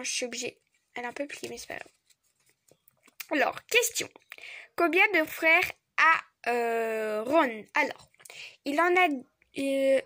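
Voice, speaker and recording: A young woman chatting casually as she opens trading card packs, stammering and gushing like an excited fan. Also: high-pitched. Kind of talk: casual unboxing vlog chat.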